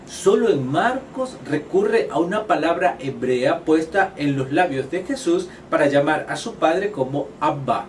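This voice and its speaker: Male lecturer in a Bible study course, pitched a little high, measured and explanatory with hesitant fillers, recorded from a slight distance with light room noise. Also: lively intonation. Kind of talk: teaching a Bible study module.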